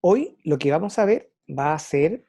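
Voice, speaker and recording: A woman teacher lectures to her students, pausing often on fillers as she gathers her thoughts. Her voice sits a little low and sounds mellow. The recording is close and dry. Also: lively intonation, slightly rough, no room sound. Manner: thinking aloud with frequent "eh" fillers and restarts. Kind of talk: online class lecture.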